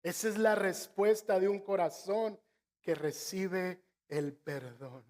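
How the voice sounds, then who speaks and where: A middle-aged man with a northern Mexican accent preaching a sermon, telling stories with asides to the congregation and slowing down to stress key phrases. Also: high voice, a little mellow. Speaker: pastor.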